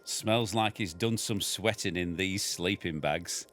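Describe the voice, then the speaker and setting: A man's voice: deep voice, measured pace, a bit bright, a little hiss or hum. A farmer reading aloud from his family's book in a dry storytelling manner.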